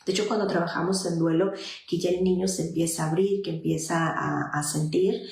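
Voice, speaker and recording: A woman's voice: lowish voice, steady tone, brisk, vocal fry, darkish tone. A woman psychologist giving parenting advice on a livestream and answering viewer messages, with frequent fillers and restarts. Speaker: child psychologist and parenting advisor. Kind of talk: live parenting advice talk. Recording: echoey room.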